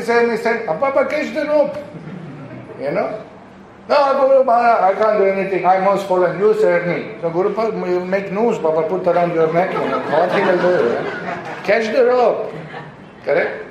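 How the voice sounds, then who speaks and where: A man from Europe leads an informal spiritual question-and-answer talk, telling stories and acting out the voices he quotes, with "you know" in nearly every sentence. His voice sits a little high. It rings through a very echoey room over a clear bed of background noise. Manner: anecdotal, peppers speech with "you know", acts out quoted voices. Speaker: visiting preacher answering questions.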